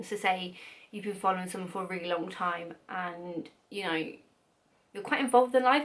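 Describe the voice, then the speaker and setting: A British woman in her twenties talks casually to her viewers, with a bright, forward, sharp-edged voice. She chats loosely, swears without a second thought and laughs at her own fumbles. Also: medium pitch. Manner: chatty and swears freely, laughs at herself. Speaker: vlogger. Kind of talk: casual chat to camera.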